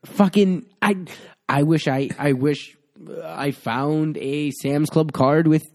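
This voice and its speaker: A man's voice: a little high, takes it slowly. A man in casual chat, retelling a story in a profane, exasperated and mocking way.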